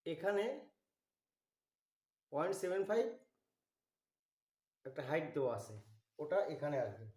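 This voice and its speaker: A man giving a slow, methodical drawing tutorial, walking through each step. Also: fairly high pitch, big pitch swings, a little mellow, roomy sound. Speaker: drawing instructor.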